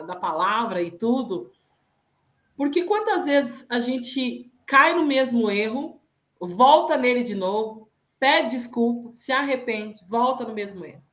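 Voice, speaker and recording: A woman with a Brazilian Portuguese accent and a slightly high voice reflects informally on faith. She is earnest and repeats words for emphasis, and the room echoes clearly around her. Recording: roomy, echoing sound.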